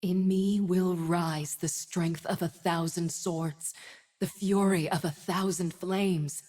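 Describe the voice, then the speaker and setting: This woman's lowish, warm voice holds a steady tone and moves slowly as she voices a proud, righteous winged warrior and judge for a video game. Her dramatic performance is solemn, commanding and haughty, carrying a mood of stern judgment.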